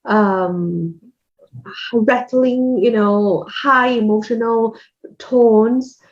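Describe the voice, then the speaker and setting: A woman hosting a chat on a video call, unhurried and affirming as she asks her questions. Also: fairly high pitch, muffled recording. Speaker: host.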